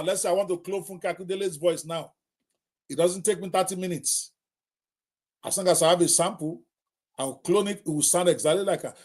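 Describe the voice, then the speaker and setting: A middle-aged Nigerian man hosting a live talk, speaking emphatically and addressing viewers directly, often repeating himself. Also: high voice. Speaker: host.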